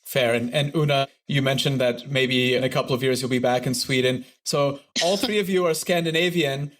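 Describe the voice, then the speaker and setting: A male podcast host with a mid-pitched voice asks curious, probing questions. He interviews in a relaxed conversational way. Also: moderate pace.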